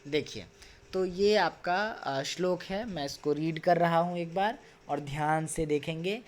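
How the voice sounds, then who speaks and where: A man teaching a Sanskrit class online, patiently explaining and sounding out words slowly, syllable by syllable, with frequent tag questions. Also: a little high. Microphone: video call.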